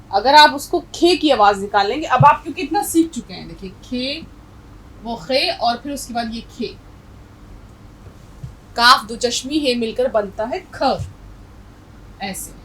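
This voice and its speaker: A woman's voice: on the high side, slightly rough, poor audio. Patient woman teaching Urdu pronunciation. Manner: patient, stresses correct pronunciation. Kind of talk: explaining a story and pronunciation.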